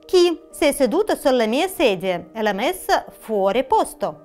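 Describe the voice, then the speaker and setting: A woman voicing an indignant mama bear who shouts her questions, with faint music behind. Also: sits high, sing-song, measured pace.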